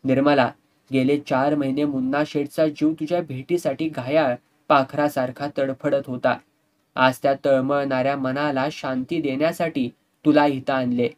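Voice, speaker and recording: A man's voice: medium pitch, steady tone, moderate pace, lightly acted. Guy doing a sleazy drunk rich villain, sneering and gloating, audiobook style. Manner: mocking, sneering, drops into Hindi couplets.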